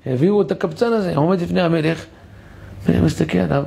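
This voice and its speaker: A man, a rabbi, giving a sermon in a synagogue and telling a parable with animated delivery. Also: fairly high pitch. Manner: animated storyteller, gravelly. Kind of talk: sermon with storytelling.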